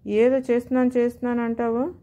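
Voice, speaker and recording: A woman's voice: fairly high pitch, little pitch movement, fast talker, dark tone, voice pushed up, close to an everyday voice. Woman voicing a snapping, resentful young husband. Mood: scolding. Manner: snapping, scolding.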